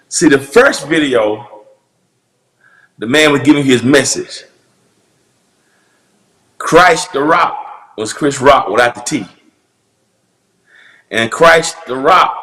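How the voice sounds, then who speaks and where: A pastor breaking down sermon clips in a playful, drawling call-and-response manner. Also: male voice, mid-range voice, pushed and bright, echoey room.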